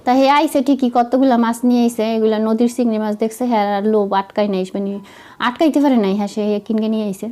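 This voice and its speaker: A young woman with a Madaripur Bengali accent, chatting to viewers while she cooks, slightly hoarse from a cold and making fun of herself. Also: on the high side, fairly even intonation, fast, a little mellow. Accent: Madaripur Bengali dialect. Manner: chatty, self-mocking, talks to viewers while cooking. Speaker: vlogger. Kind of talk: casual cooking vlog narration.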